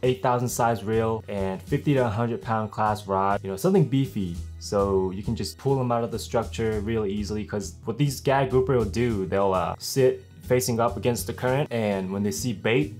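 A young man vlogging casually to camera, chatty and relaxed, often tossing in "man". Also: on the low side, moderate pace, few pauses, faint music behind. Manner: laid-back, chatty, says "man" a lot. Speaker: fishing vlogger. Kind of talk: casual gear talk to camera. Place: small indoor room with blue wall. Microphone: camera-mounted shotgun mic.

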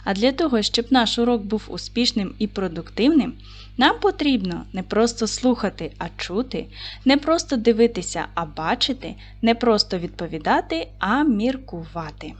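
A woman teaching a recorded video lesson to fourth graders, speaking clearly and deliberately and reciting short rhymes. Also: on the high side, very animated. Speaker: primary school teacher.

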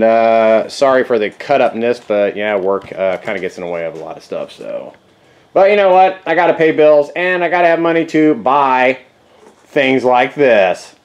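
A man talking casually to camera in his home garage, rambling in a laid-back way with many fillers and restarts. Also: medium pitch. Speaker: garage vlogger fixing scooters. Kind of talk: casual workshop talk to camera.

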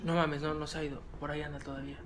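A man's voice: fairly high pitch, little pitch movement, very fast, background noise. A man with a Mexican accent commenting on a horror game he is playing. He talks nervously, muttering to himself and yelping at scares. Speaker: let's play gamer.

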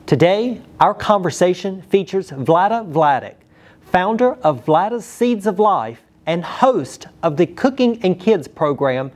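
A man's voice: fairly high pitch, a little mellow. A man hosting a local TV program, reading a polished, announcer-like introduction and questions in a studio. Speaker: TV program host. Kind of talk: scripted studio interview.

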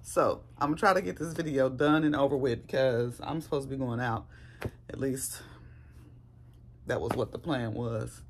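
A woman in her forties, hoarse and scratchy-voiced, rambling casually through a haul vlog. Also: a bass voice, normal speed. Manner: chatty and rambling. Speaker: YouTuber.

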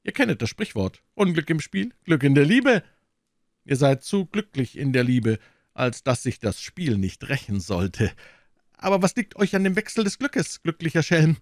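Lively, teasing storybook musketeer, a male reader doing him. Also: a little high, moderate pace, no room sound, studio quality, pitched above the performer's own voice.

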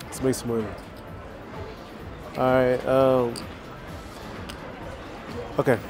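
Man, medium pitch, unhurried pace, casual craps table chatter, repeated rooting calls, counting aloud, music in background. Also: completely flat delivery. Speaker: craps player. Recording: music behind the voice.

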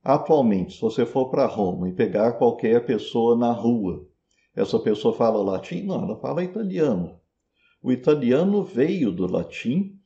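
A Sanskrit teacher with a Brazilian Portuguese accent gives a slow, explanatory pronunciation lesson, patiently repeating words to model them. His voice is mid-range and warm, though the highs are cut off.

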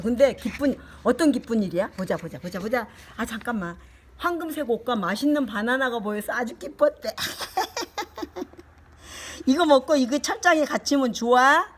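An older woman, a grandmother, reading a picture book to her grandchild, lively and chatty with little asides. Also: fairly high pitch, slight background noise. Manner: animated, shifting into character voices and asides.

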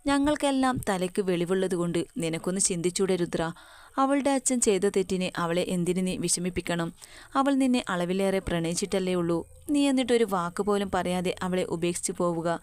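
A woman voicing a calm middle-aged father who reasons gently with his son in a spoken story. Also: sits high, fairly quick, clean tone, natural voice. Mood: persuading.

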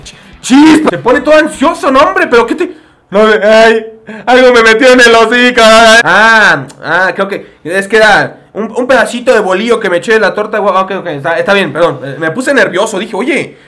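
A man's voice: high voice, a bit bright, slight background noise. A young man with a Mexican Spanish accent, joking and rambling through a running commentary as he plays a mobile game. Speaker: gaming video creator. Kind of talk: playing a mobile game on camera.

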